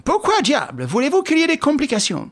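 A man voicing an agitated, proud male detective who cries out in a high, strained voice. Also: huge pitch swings, fast, heavily acted. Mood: assured.

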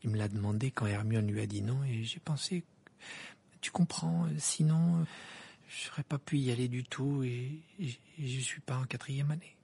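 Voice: mid-range voice, big pitch swings, brisk, vocal fry, breathy edge, heavily acted. A reader doing Ginny, a shy flustered young girl. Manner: hesitant, full of ums. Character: shy younger teenage girl, easily embarrassed. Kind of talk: amateur audiobook voicing.

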